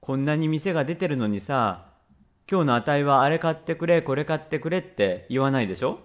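A man's voice: fairly high pitch, animated, fairly quick, lightly acted. A man voicing a cheeky, pestering little boy who wheedles his father for treats in a rakugo tale. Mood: wheedling. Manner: wheedling, whiny. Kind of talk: rakugo storytelling.

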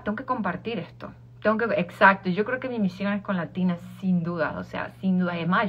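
A woman with an Argentine accent, a life coach giving an informal motivational talk, repeating herself and restarting phrases. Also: medium pitch. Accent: Argentine Spanish. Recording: dull lo-fi sound.

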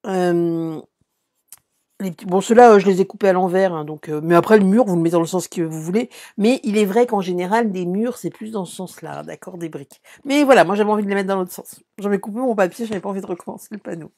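A woman's voice: medium pitch, quick pace, darkish tone. A middle-aged woman from France hosting a live craft stream, chatting casually, answering viewers and showing her work, with many fillers and restarts.

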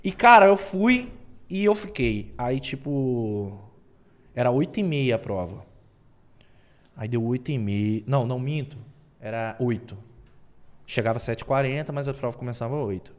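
A young man telling a story on a podcast, with slangy, animated storytelling, acted quotes and bursts of nervous laughter. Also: medium pitch, normal speed, pauses often. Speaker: podcast guest. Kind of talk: casual storytelling.

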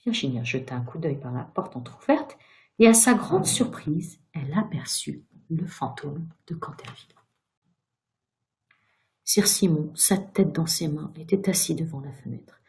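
A woman storyteller reading a tale aloud to children, expressive and speaking directly to her young listeners. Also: deep voice, a little slow.

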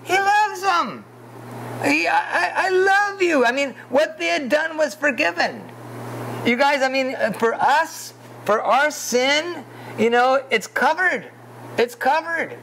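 A man's voice: extremely high pitch, expressive, slow, creaky, bright, forceful tone, slight background noise, rough recording. A pastor preaching a conversational, emotional sermon, often calling his listeners "you guys".

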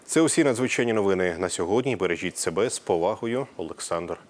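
A man reading the news in a formal, brisk style from a TV studio on a lapel mic. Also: low-pitched, animated, faint music behind. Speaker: news anchor.

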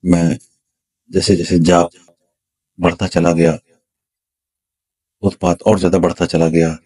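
A man, a spiritual teacher, slowly and dramatically telling of his own spiritual experience, repeating words to build suspense. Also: low-pitched, level tone, darkish tone, breathy edge. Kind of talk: storytelling a personal spiritual experience.

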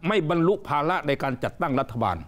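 A man's voice: fairly high pitch, big pitch swings, fast, fairly bright tone. A politician being interviewed on a studio talk show, emphatic and joking, often repeating his words. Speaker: politician guest.

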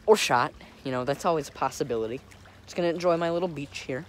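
A young American vlogger with a slightly high, fast voice rambles casually to his phone camera, held or propped close, while kayaking on a lake and on shore. His manner is offhand and easygoing, and wind and water noise come through loudly.

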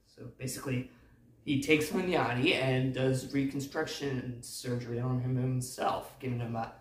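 A man's voice: mid-range voice, steady tone, normal speed, slight background noise. A man hosting a casual movie recap who rambles and hesitates, full of fillers. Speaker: movie review host. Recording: echoey room, distant mic.

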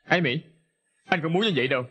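A man dubbing a young man who pleads softly with the woman he loves, for a film. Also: a little high, animated, fast talker, slightly rough, lo-fi sound, exaggerated voice. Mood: pleading. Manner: soft, pleading. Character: pleading young man chasing his lover. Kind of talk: Vietnamese film dub.

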